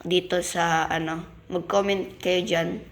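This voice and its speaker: A man with a Filipino accent hosting a gaming channel, giving excitable casual commentary as he plays and exclaiming when things go wrong. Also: high-pitched, takes it slowly. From Philippines. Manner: excitable, yelps and exclaims while playing.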